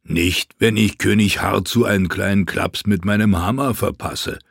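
A man voicing a big, crude male warrior in an audiobook, gruff and offhand. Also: on the low side, steady tone, normal speed, dry recording, clean studio sound. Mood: gruff, mocking. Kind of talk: audiobook character voice.

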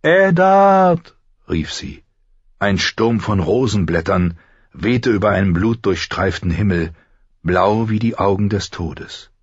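Audiobook narrator: man, very deep and slow, husky, dull dry lo-fi sound. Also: dry recording. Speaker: audiobook reader. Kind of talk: scripted narration.

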